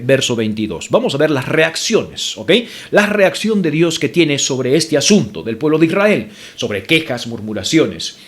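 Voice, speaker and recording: A man preaching from the pulpit in a fairly high, lively voice that swings up and down. He repeats his verse references and calls his listeners brothers, pressing his points with emphatic force. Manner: emphatic preaching, repeats scripture references, rises sharply when indignant; addresses congregation as brothers. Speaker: pastor. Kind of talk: sermon.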